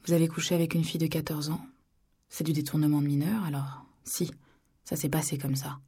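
A woman reading an audiobook, voicing a calm, cold-spoken man in a hoarse, flat whisper, as whispered role-play. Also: deep voice, fairly quick, heavily acted. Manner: flat, even, unbothered delivery.

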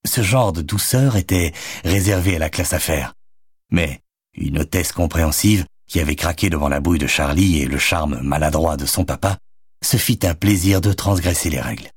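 A man reading a novel aloud as an audiobook narrator, in expressive, measured storytelling. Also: deep voice, breathy edge, dry recording, clean studio sound.

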